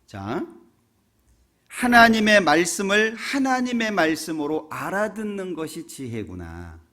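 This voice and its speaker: Male pastor preaching in church, pitch goes all over the place, kinda high, tells jokes and keeps asking the crowd stuff. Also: big pitch swings, unhurried, pushed and bright. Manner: storytelling with humor, rhetorical questions to the congregation. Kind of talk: sermon. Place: church sanctuary.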